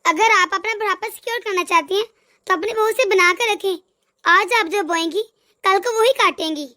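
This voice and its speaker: A woman voicing a kind, wise middle-aged mother-in-law in a cartoon, who gently reasons and lectures. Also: very high voice, normal speed. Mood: gentle advising.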